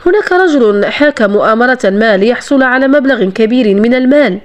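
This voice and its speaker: A woman's voice: a little high, animated, brisk, close to an everyday voice. A woman reading a proud, defiant young woman. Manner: haughty, defiant. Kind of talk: audiobook novel reading.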